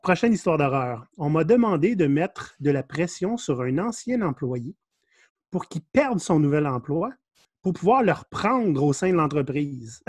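A man's voice: a little high, sing-song, unhurried, slightly rough, no room sound. A man in his thirties with a Québécois French accent, co-hosting a podcast and reading listener stories with wry asides. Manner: reads stories aloud, wry asides with chuckles. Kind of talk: casual podcast chat. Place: small room indoors.

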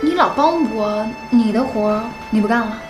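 A woman's voice: fairly high pitch, lively intonation, normal speed, roomy sound, over music, natural voice. An actress playing a young woman in her twenties, fresh from technical school, who teases her colleague in a TV drama. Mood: teasing. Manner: gently teasing. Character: young female technical-school graduate, teasing, admiring. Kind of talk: TV period drama acting.

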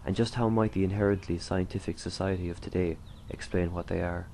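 Male documentary narrator, deep voice, restrained intonation, scripted read. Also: fairly even intonation, a little fast, gravelly, slight background noise. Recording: loud music under the voice. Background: plucked guitar music.

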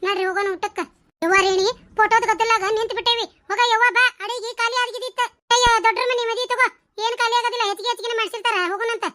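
Shrill teasing village aunties. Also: female voice, fairly even intonation, racing, pushed and bright. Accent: North Karnataka Kannada. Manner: bossy, teasing, gossipy. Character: chatty, teasing village women at a wedding. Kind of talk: cartoon voice acting.

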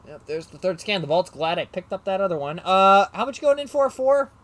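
A man's voice: sits high, sing-song, brisk, fairly bright tone. A man casually narrating his moves in a card game match, rambling and self-mocking, often losing his train of thought. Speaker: card game player and commentator.

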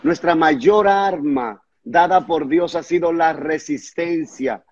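A man with a somewhat high voice recounts a testimony in an earnest, conversational tone. He stammers and repeats small words at the hardest parts. The recording sounds muffled and lo-fi. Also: slow pace, husky. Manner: stumbles and repeats words at hard moments. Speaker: pastor and guest recounting a testimony.

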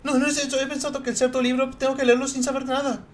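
A man voicing a gloomy, prickly young woman novelist in a fan dub of a video game, in a shrill, haughty voice. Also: flat delivery, fast talker, slight background noise.

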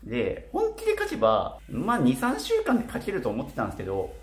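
Casual male vlogger, twenties, animated intonation, slightly slurred from wearing a mouthguard-style aligner, echoey room. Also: medium pitch, a little fast. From Kitakyushu, Japan. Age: 20s. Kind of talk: casual talk to camera. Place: small bare apartment room, indoors. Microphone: camera a short distance away. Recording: roomy echo with faint noise.

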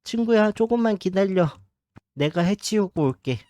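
A man's voice: high voice, animated, normal speed, warm tone, no echo, pitched above the performer's own voice. A man reading the game lines of a frightened young child who begs his parents to stop. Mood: determined.

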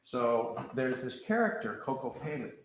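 A far camera captures an older professor from the American Pacific Coast as he lectures a seated audience in a large hall with red seats, leading a master class. His middle-pitched voice is sing-song, moderately paced, and heavily echoing, with a little hiss or hum; he rambles conversationally, gesturing as he paces.

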